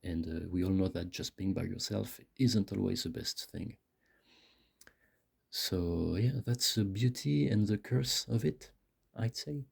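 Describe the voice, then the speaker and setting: Low, gravelly man too close to mic. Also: unhurried, a little mellow. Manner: hesitant, searching for words, loses his thread. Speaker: video creator. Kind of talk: casual rambling monologue, self-help musing. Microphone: very close to the microphone. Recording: close-miked with mouth clicks.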